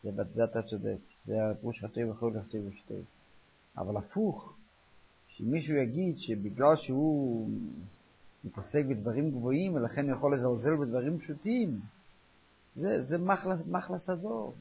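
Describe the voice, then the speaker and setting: A man's voice: mid-range voice, expressive, creaky, a little hiss or hum. An older man talking informally as a rabbi, emphatic, repeating phrases for weight. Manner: emphatic, repeats phrases, mixes in Yiddish-style German. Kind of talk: informal talk to listeners. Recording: dull, lo-fi recording.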